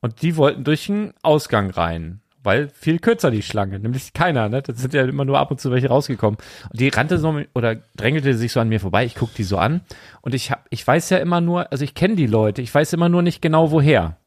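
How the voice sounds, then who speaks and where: A man's voice: mid-range voice, expressive, fairly quick, dry recording, studio quality. A man, co-hosting a podcast and telling a rambling anecdote in casual chat. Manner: rambling anecdotal storyteller, laughs often. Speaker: podcast co-host.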